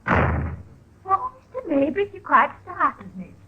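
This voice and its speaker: A flustered young housemaid, speaks in a high, lively voice full of polite deference. It is a 1950s radio drama with a dull, lo-fi old sound. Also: female voice, slow pace, full character voice. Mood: deferential. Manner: deferential, polite servant speech.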